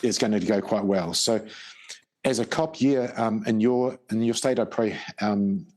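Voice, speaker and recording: A man's voice: on the low side, moderate pace, darkish tone. Man with a broad Kiwi accent. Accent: broad New Zealand. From New Zealand. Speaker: guest, former special forces soldier and police officer. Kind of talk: casual interview explanation.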